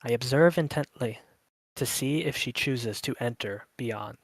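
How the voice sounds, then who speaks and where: A man voicing a mysterious otherworldly observer in a slow, solemn prologue narration. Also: medium pitch, no room sound, natural voice.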